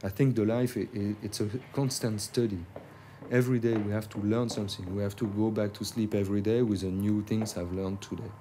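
A man who is not a native English speaker, talking reflectively and haltingly, repeating himself as he searches for words. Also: lowish voice, little pitch movement, mellow, a little hiss or hum. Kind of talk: reflective interview talk.

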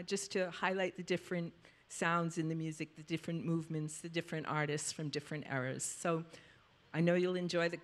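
A woman who is a journalist and board member, opening the evening on stage with measured remarks and pauses, speaking into a handheld mic. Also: sits low. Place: library auditorium stage with audience.

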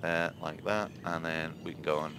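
Deep-voiced man narrating gameplay. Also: steady tone, normal speed, background noise. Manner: chatty, explains step by step with frequent "yeah?" asides. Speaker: game reviewer. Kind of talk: gameplay commentary.

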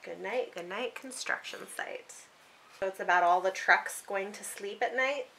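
A woman in her thirties, a book vlogger and mother, interviews her young child in a small indoor room lined with bookshelves. Her mid-range voice is bright and forceful at a normal speed. She chats casually and encouragingly, asking coaxing questions as one would to a small child and echoing back the answers.

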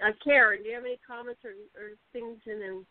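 A woman's voice: on the high side, steady tone, quick pace, noisy background. A woman radio host moderating an interview and asking probing questions. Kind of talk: hosting an interview. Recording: tinny phone line.

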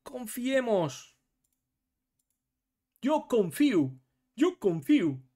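Excitable man streaming a game. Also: extremely slow. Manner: excitable, swears, swings from low mutters to shouts. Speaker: gaming streamer. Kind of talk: live game commentary.

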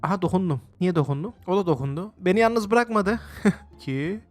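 A man with a high voice gives running commentary on a video game he is playing. He talks to his viewers, exclaims often and reacts loudly to everything on screen. Faint game music plays under his voice. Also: a little fast. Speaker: gaming video host. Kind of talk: let's-play game commentary.

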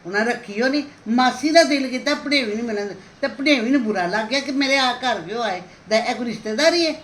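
Woman playing a gentle consoling aunt. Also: fairly high pitch, fast talker, natural voice. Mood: soothing. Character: middle-aged aunt, soothing, indignant at relatives. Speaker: paternal aunt in a family skit. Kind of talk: homemade family drama. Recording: echoey room, faint hiss.

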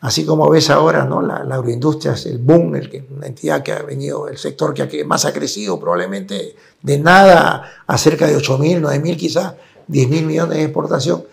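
A man's voice: on the high side, a little fast, gravelly. A man, a guest in a conversational interview, explaining his points at length and often tagging them with a check-in question. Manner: explanatory, tags points with "¿no es cierto?".

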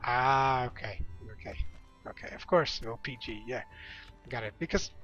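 Playing a strategy game, a young male streamer rambles to his viewers in relaxed let's-play chat and laughs readily. He speaks at a moderate pace in a medium-pitched, fairly bright tone. Game music plays under slightly dull, lo-fi audio.

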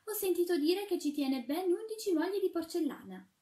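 A woman voicing a young porcelain shepherdess who is fearful and tearful, speaking in a high, plaintive, exclaiming way. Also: animated, normal speed, dark tone, distant mic. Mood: pleading.

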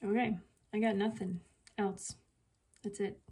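A woman's voice: medium pitch, little pitch movement, unhurried, mellow, slightly rough. A woman casually talking through a painting demonstration, chatting and muttering asides to herself as she works. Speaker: art video creator.

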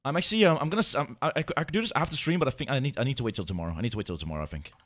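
A man with a medium-pitched voice talks very fast while hosting a livestream and greeting viewers. He's excitable and jokey, chatting casually and repeating himself often.

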